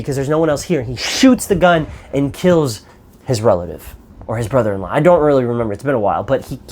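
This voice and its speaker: A man ranting through a movie review, exasperated and profane, rambling as he goes. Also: medium pitch. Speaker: film reviewer.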